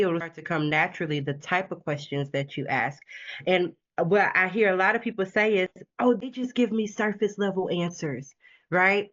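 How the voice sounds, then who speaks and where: A woman sales coach on a video call, talking with lively, encouraging conviction and frequent laughs. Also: lowish voice, highs cut off. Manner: animated, laughing, preachy encouragement. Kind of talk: casual video call chat.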